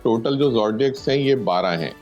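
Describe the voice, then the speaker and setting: A man, an astrologer explaining predictions on a TV show in a measured way with many hesitations. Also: medium pitch, lively intonation, darkish tone, lo-fi sound, faint music behind. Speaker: astrologer guest.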